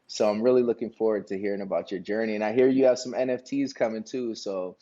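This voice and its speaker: A man's voice: on the low side, fairly even intonation, fast, warm tone, lo-fi sound. A man hosting a casual interview show, upbeat and slangy, talking straight to his audience. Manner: hyped, slangy, addresses audience as y'all. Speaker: podcast host.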